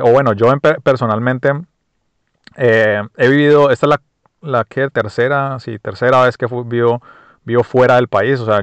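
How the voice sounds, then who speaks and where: In a dry recording, a man with a Colombian accent hosts a podcast, talking at medium pitch in a casual, reflective personal monologue. He restarts often and uses plenty of fillers.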